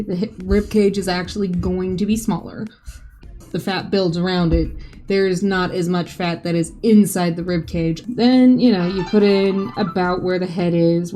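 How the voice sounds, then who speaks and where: A woman's voice: on the low side, mellow. A woman hosting a drawing tutorial, talking in a casual, chatty voice-over with light self-joking asides. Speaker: art tutorial host. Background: faint background music.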